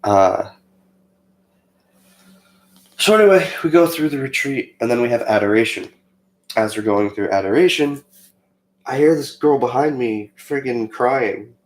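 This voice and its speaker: A young man telling a personal story in a casual, chatty way, rambling with fillers and turning animated when he quotes himself. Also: medium pitch, unhurried, long pauses. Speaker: co-host of a faith channel. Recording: echoey room.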